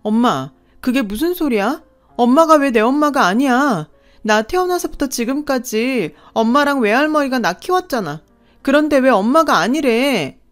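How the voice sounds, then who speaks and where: A woman's voice: medium pitch, very animated, unhurried, hardly any pauses, soft background music. A woman voicing a hurt young girl who pleads and cries out to her mother. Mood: hurt, pleading. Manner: pleading, crying out.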